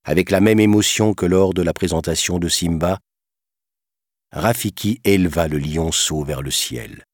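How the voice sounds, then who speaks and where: A man reading a storybook aloud in a calm, measured narration. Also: deep voice, no echo, studio quality.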